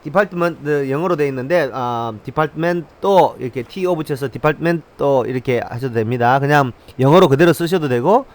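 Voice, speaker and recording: A man teaching a language lesson, drilling short phrases slowly and repeating them. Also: fairly high pitch. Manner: slow drilled repetition of phrases.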